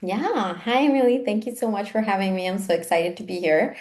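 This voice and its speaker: A woman's voice: mid-range voice, lively intonation, a little fast, a little mellow. A woman from Italy, a coach chatting casually as an interview guest and peppering her talk with "like". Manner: chatty, frequent "like" fillers. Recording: roomy echo.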